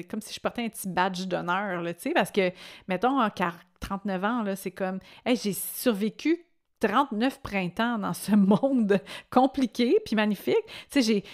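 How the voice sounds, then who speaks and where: A woman in her late thirties with a Québécois French accent, hosting a podcast in a chatty, reflective monologue and laughing often. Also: medium pitch. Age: late 30s. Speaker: podcast host.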